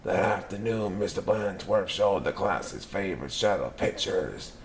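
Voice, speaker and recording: A man reading a picture book aloud with lively, expressive delivery. His voice is very low and gravelly, and it swings widely in pitch. A faint hiss sits under the recording. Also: normal speed. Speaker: narrator. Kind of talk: children's book read-aloud.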